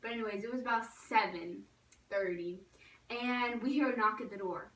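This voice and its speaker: A young woman with a bright, high-set voice tells a casual storytime for her vlog, chatty and full of acted-out quotes. She sounds a little distant from the mic. The room around her rings with echo. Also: normal speed, slight background noise. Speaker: vlogger.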